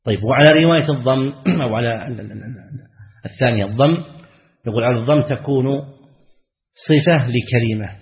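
A man, a sheikh, teaching a religious text in a classroom lesson, repeating words slowly and asking the class questions. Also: medium pitch. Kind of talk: classroom lesson explaining grammar. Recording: lo-fi, echoey hall.

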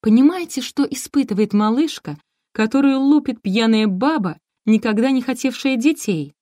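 A bitter young woman speaks up in a high, forceful voice, put on by a female narrator. She sounds indignant and pleading, recorded close and dry. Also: animated, normal speed, dry recording, close to an everyday voice. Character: bitter young woman, orphanage-raised daughter. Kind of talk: audiobook character reading.

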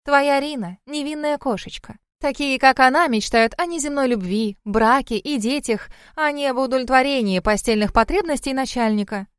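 Женщина озвучивает игривую семихвостую лисицу-духа из аудиокниги, которая дразнит и смеётся. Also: female voice, high-pitched, normal speed, hardly any pauses, smooth, no echo, studio quality, voice pushed up, lightly acted. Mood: mocking. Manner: teasing, laughing, mocking. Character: playful seven-tailed female fox spirit. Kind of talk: audiobook reading.

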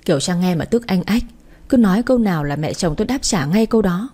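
A woman giving a steady, scripted first-person story narration. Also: mid-range voice, quick pace.

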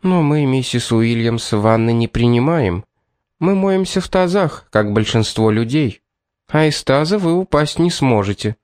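A man voicing a pedantic, mournful woman housekeeper who speaks slowly and precisely. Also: medium pitch, lively intonation, darkish tone, clear, resonant tone, no echo, studio quality, pitched above the performer's own voice, close to an everyday voice.

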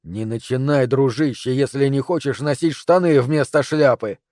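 A man's voice: mid-range voice, moderate pace, darkish tone, no room sound, studio quality, close to an everyday voice. A man voicing a bossy, short-tempered grown man who gives orders.

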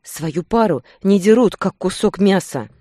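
The reader voicing a young female she-wolf, frightened and furious, who shouts through tears in a romance audiobook. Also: mid-range voice, lively intonation, unhurried, no room sound, clean studio sound, pitched above the performer's own voice. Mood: shouting angrily. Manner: shouting, tearful outbursts.

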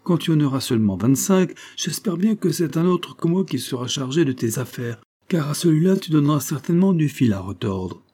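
A shrewd old country notary speaks in a wry, teasing, faintly official manner, as a man reading a story puts him on. His husky, dark voice is pitched a little above the narration. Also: animated, brisk, few pauses.

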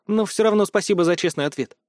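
A man's voice: high-pitched, fast, darkish tone, dry recording, studio quality, pitched above the performer's own voice, natural voice. A man voicing a composed young blonde female student who talks in a stern, cool, reasoning way. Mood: earnest.

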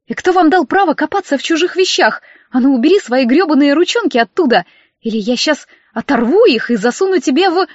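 A woman's voice: animated, fairly quick, no echo. A woman voicing an anxious young woman, the heroine's sister, who speaks urgently and pleads, in an audiobook reading. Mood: indignant. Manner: urgent, pleading, high-strung. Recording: dry, dull lo-fi audio.

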